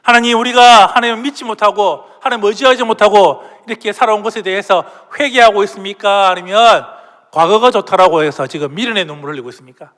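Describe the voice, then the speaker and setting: A man's voice: high voice, fast talker, fairly bright tone. A male pastor preaching a sermon in a church, asking the congregation questions and leading them in reading aloud. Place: church sanctuary. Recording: long hall reverb.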